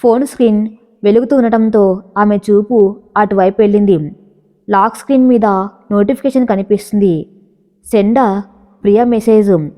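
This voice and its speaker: A woman reading a dramatic romance story aloud in a steady storytelling manner. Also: medium pitch, moderate pace, long pauses. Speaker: narrator. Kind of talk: scripted story narration. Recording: reverberant, slightly dull audio.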